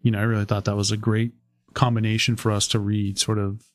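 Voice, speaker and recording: Animated man chatting, dry sound. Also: on the low side, quick pace, dry recording. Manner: animated, hesitant restarts. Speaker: podcast co-host. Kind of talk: casual chat.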